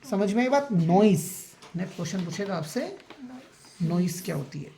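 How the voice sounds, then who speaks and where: A man's voice: high-pitched, big pitch swings, moderate pace, vocal fry, warm tone, a little hiss or hum. Science teacher quizzing his class. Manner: keeps checking that the class understands; counts aloud and quizzes students. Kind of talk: classroom lecture.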